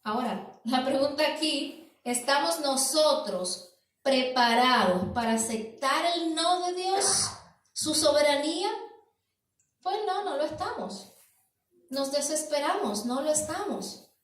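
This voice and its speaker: A woman preaches slowly and deliberately in a high voice, repeating key words and asking rhetorical questions. Her sermon rings through a large church hall, caught from far off with heavy echo. It is an evening church service. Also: animated.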